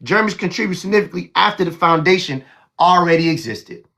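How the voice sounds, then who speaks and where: Male host, high bright voice, brash and mocking, quick to interrupt callers. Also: expressive, vocal fry. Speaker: host of live call-in discussion. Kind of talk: heated live panel talk.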